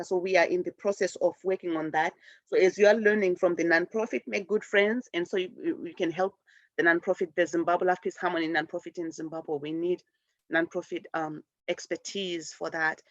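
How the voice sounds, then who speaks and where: A woman leading a spiritual group call, speaking earnestly and haltingly with repeated words. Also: fairly low pitch, no room sound. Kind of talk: encouraging group talk. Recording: dull lo-fi call audio.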